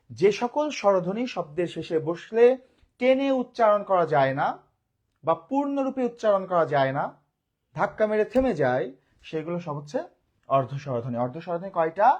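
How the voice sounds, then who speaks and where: Grammar teacher, live online lesson, quizzes and answers, repeats points, animated pitch. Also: a little fast, highs cut off. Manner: asks the class questions and answers them, repeats key points.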